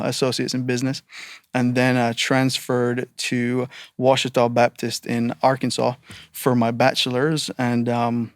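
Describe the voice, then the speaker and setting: Speaking in a mid-range voice, this thirtysomething from Barbados, whose accent mixes Barbadian and American, shares stories as a podcast guest in a relaxed interview. He's self-deprecating and jokey, full of fillers and restarts, and the studio-quality audio has no room sound.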